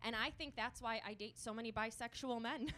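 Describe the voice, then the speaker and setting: A young woman performing a stand-up comedy set on a club stage, telling dark self-deprecating jokes with deadpan delivery. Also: fairly high pitch, brisk, a crowd in the background.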